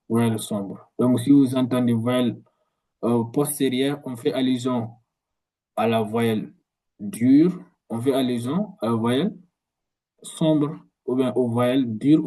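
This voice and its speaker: Slow, mellow-voiced male language teacher. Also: mid-range voice, rough recording. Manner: slow, repetitive explanations with frequent restarts. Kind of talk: video lesson.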